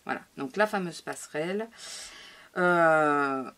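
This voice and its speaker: Low-voiced woman chatting through a scrapbook. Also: takes it slowly, a bit bright. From France. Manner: hesitant, many fillers and restarts, chatty. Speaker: scrapbooking vlogger. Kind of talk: casual show-and-tell of a craft album.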